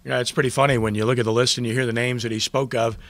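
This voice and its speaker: A man's voice: mid-range voice, level tone, racing, no room sound. A man in his fifties from New Orleans gives a humble acceptance speech at a press conference, full of stories and thanks. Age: 50s. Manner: humble, storytelling, warm thanks. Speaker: award recipient, sportswriter.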